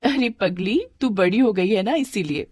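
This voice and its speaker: A woman voicing a poor mother who explains things calmly and reassuringly to her daughter. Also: medium pitch, unhurried, no echo, clean studio sound, lightly acted. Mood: tender. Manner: calm, reassuring. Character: poor loving mother, calm and tender.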